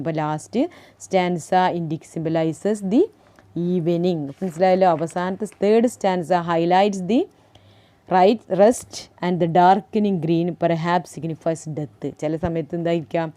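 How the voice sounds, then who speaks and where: In a slow, warm, lowish voice with a steady tone, a Malayali-accented teacher walks her class through a poem. She reads lines aloud and asks questions only to answer them herself.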